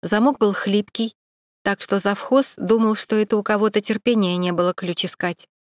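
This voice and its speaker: Female audiobook narrator, even delivery, dry booth sound. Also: medium pitch, moderate pace, no room sound. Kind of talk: scripted narration of a detective novel.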